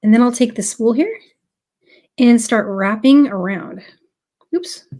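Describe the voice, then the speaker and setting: Greeting viewers of her live beading class, a woman who has a cold chats casually, full of ums. She speaks a little high and expressively, with a warm tone and a measured pace.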